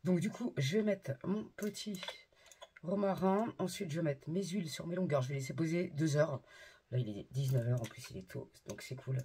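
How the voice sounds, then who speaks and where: A woman chatting casually to her viewers in a vlog about hair care and shopping, slangy and quick to rant. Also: deep voice, warm tone, slight background noise. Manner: addresses viewers directly. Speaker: beauty and haircare vlogger.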